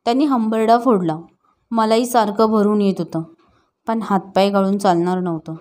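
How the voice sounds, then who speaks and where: A woman narrating an emotional family story in a calm, steady reading voice. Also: mid-range voice, normal speed.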